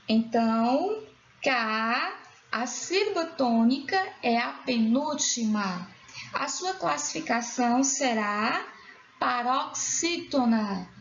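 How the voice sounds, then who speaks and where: A woman teacher with a Brazilian Portuguese accent, giving a recorded school lesson for children in a slow, clear, drawn-out voice. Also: high voice. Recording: dull lo-fi sound in an echoey room.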